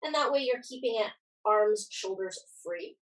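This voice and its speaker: A woman's voice: mid-range voice, animated, normal speed, far from the mic, low-quality recording. A woman giving casual, reassuring yoga class instruction, guiding and encouraging as she goes.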